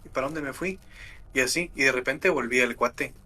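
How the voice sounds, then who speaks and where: A man's voice: mid-range voice, fairly quick, bright, forceful tone, slight background noise. A man co-hosting a podcast, chatting casually with slang. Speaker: podcast co-host. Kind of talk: casual chat.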